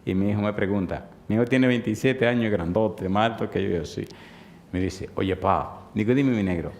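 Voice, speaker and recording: A man's voice: on the low side, normal speed, darkish tone, a little hiss or hum. A man in his fifties preaching a sermon, telling stories playfully and asking the congregation questions. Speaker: pastor.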